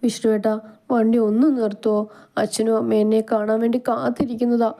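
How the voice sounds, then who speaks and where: A woman's voice: fairly high pitch, steady tone, fairly quick, warm tone, voice pushed up, natural voice. A woman voicing a sweet, childlike young bride in a storybook reading. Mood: pleading. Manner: pleading, childlike. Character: sweet young village bride, emotional and pleading.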